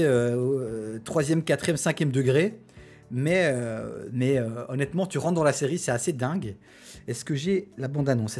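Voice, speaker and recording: A man's voice: mid-range voice, breathy edge. A man with a French accent hosting a casual live stream, chatty, with many fillers and restarts as he reads out his chat. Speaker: Twitch streamer host.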